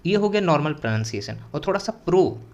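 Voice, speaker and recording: A man teaching translation from Hindi to English, slowly repeating words, spelling them out and answering his own questions. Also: a little high, sing-song, a little mellow, lo-fi sound. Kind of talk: bilingual translation lesson.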